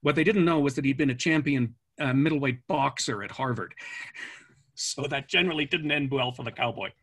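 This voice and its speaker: Husky-voiced man telling rambling stories. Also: medium pitch, brisk, fairly bright tone. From born in France, raised in Canada. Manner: rambling anecdotes with frequent fillers and restarts. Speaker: author guest. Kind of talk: relaxed storytelling interview.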